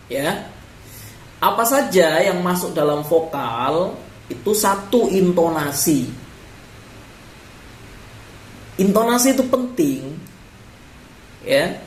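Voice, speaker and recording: A man with a slightly high voice gives a lecture to teachers. He keeps checking in with his listeners, dropping a "ya" between points. The sound is roomy and set back from the mic, with faint ambience behind it. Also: recorded from a distance, slight background noise. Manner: talks straight to listeners with frequent "ya" check-ins. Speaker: teacher trainer.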